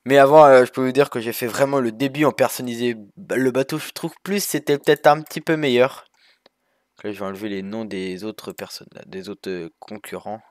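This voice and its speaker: Casual male game narrator, middle pitch, rambling delivery, dry close mic. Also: brisk, no room sound. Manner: rambling, many fillers and restarts. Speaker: gaming youtuber. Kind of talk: casual screen-recorded game walkthrough.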